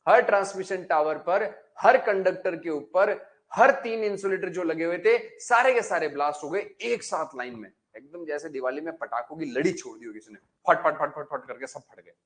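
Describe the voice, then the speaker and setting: A male lecturer on power transmission tells an animated, colloquial story to his class. His voice sits a little above the usual male pitch, and he keeps the telling brisk and vivid. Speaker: engineering lecturer.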